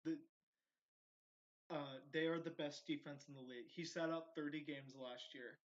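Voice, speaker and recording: A man's voice: on the high side, fairly even intonation, moderate pace. A man hosting a casual sports podcast who swears in banter, then talks through his picks steadily. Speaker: podcast host. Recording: dull lo-fi audio.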